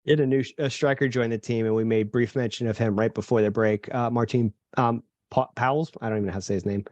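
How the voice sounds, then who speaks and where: Male co-host, mid pitch, dry mic, meandering questioner. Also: fairly even intonation, darkish tone, no echo, muffled recording. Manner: halting, restarts questions, casual. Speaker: podcast co-host. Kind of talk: casual podcast interview.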